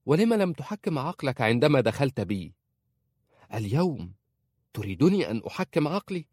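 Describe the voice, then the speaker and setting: A man reading aloud and voicing a proud, stubborn young wife in a raised, higher voice. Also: fairly quick, dark tone, dry recording. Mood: shouting.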